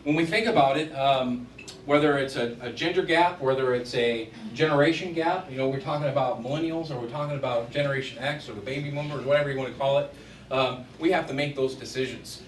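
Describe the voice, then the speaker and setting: Brisk and deep-voiced, a middle-aged guest speaker from Washington State, on the US West Coast, chats his way through a business talk before an event-room audience, using many fillers. The recording is echoey and faintly noisy, taken far from the mic.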